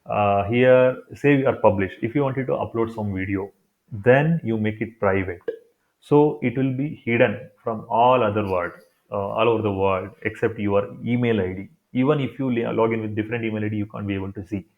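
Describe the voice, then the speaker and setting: A man's voice: lowish voice, normal speed. A man with a Kannada accent in Indian English explains steps in an improvised, repetitive way, as in an unscripted screen tutorial. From Karnataka, India. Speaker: tutorial presenter. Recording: thin, phone-like narrow-band sound.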